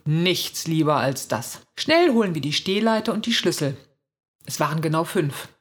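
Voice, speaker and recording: A woman reading a first-person children's story aloud in a lively, expressive way, with a husky voice. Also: deep voice, moderate pace. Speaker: reader.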